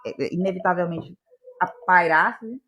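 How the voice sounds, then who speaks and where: Speaking at a moderate pace in a slightly bright, lowish voice, a Brazilian woman from Bahia talks about her creative work. She is an interviewed guest, a playwright and actress, who hunts for words and repeats them while her ideas come together.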